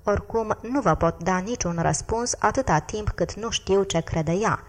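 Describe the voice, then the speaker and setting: A woman voicing a young man in love who speaks quietly, firmly and earnestly in an audiobook. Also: mid-range voice, long reverb tail, close to an everyday voice.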